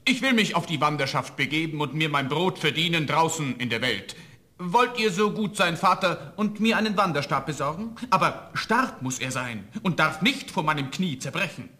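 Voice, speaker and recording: A blunt young giant, the hungry son of a farmer in a radio play. The voice is bright and forceful, with a rather high pitch for a man. Its pitch swings widely as he demands more food. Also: animated, moderate pace. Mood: demanding. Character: young male giant, huge, strong and always hungry.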